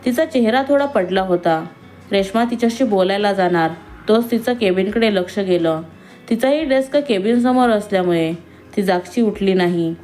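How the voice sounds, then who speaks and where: Mellow-voiced woman narrating a love story. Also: mid-range voice, normal speed. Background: faint music.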